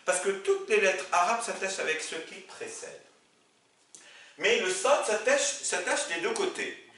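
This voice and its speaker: Lively male teacher in an echoey room. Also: high-pitched. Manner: patient, explains slowly with repetition, says "regardez" often. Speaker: Arabic teacher. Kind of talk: classroom lesson at a board. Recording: echoey room from a distance, faint noise.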